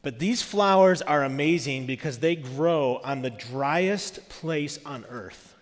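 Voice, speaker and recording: A man with a gravelly, smoky voice, getting over a cold, preaching conversationally to a congregation in an informal, slightly halting way. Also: medium pitch. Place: large reverberant room, live service. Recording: reverberant hall.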